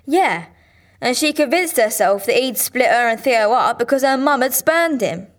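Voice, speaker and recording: An actress playing a sulky, sharp-tongued teenage girl solving a crime, sarcastic and offhand. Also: a little high, animated, normal speed, natural voice. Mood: reasoning. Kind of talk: radio drama acting.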